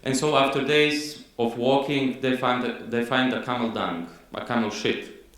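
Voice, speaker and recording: A Croatian-accented man gives a conference lecture in a measured way, pausing on frequent fillers. His voice sits at a middle pitch. The hall around him is very echoey. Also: steady tone, fairly bright tone. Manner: measured, frequent "uh" fillers, reads quotes slowly.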